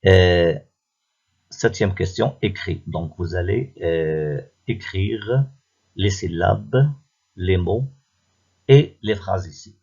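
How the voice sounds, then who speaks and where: A man's voice: sits low, takes it slowly, creaky, pauses often, a little mellow, breathy edge, lo-fi sound. A man teaching a primary school phonics lesson, patiently repeating each answer step by step. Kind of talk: slow classroom phonics lesson.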